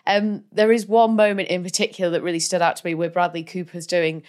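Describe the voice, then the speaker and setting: A woman's voice: fairly low pitch, level tone, fast talker, a little mellow. A woman co-hosting a podcast, chatting casually about a film with lots of fillers and easy laughter. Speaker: podcast co-host. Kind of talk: casual film review chat.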